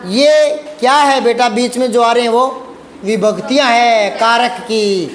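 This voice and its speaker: High-voiced Hindi teacher explaining grammar. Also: male voice, steady tone, measured pace, reverberant. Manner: patient, repetitive, addresses students as beta, asks checking questions. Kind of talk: classroom lesson explaining grammar to students.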